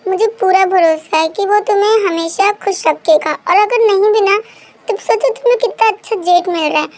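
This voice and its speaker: A woman's voice: very high voice, normal speed, a little mellow. A woman voicing a pleading young man in love in a Hindi fan-fiction story, begging and repeating please.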